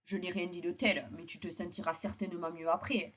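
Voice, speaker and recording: Excitable, slangy woman playing a dating game. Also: fairly low pitch, fairly quick, slightly rough. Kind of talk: casual chat mixed with reading game dialogue aloud.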